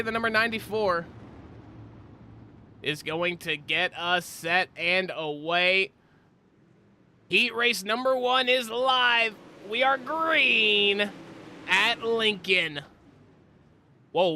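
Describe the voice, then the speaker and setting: With a sharp tone, the cold-stricken commentator narrates a simulated race, his nose a bit stuffy. During tight battles his pitch rises noticeably.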